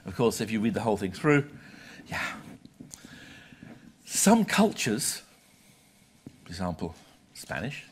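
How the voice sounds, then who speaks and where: Standing at a podium in a lecture hall, a British lecturer and journal publisher in his sixties addresses a live audience, emphatic and conversational, in short clipped phrases. His voice is fairly low and very animated, and he speaks slowly with long pauses. Audible background noise accompanies the live talk.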